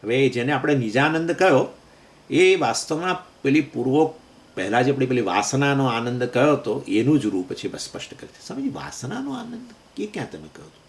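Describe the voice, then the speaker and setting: A Vedanta teacher lectures on scripture, explaining verses with everyday examples, posing and answering his own questions, and chanting Sanskrit verses slowly. His mid-range voice is gravelly, with big pitch swings.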